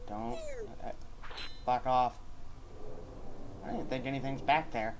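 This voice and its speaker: A man playing a horror game and commenting as he goes, swearing a lot and yelping and shouting when he gets scared. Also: mid-range voice, a little slow, background noise. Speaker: gaming YouTuber.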